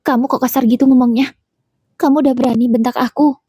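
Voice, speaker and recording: A woman reads the part of a proud, irritable husband in a spoken domestic story, snapping back in short, resentful retorts. The voice is soft and breathy, set a little high. The sound is dry and close. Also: steady tone, fast, no room sound. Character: defensive, irritable jobless husband, adult man.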